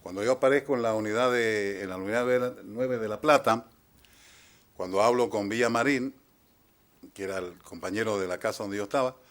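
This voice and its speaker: A man in his sixties with an Argentine accent, giving halting courtroom testimony as a trial witness and often trailing off quietly. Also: on the low side. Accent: Argentine Spanish. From Chile, raised in Argentina. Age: 60s.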